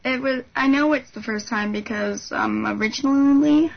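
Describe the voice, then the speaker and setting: A woman's voice: fairly high pitch, normal speed, gravelly. A woman answering interview questions on a call, hesitant, with many ums. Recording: dull lo-fi call audio.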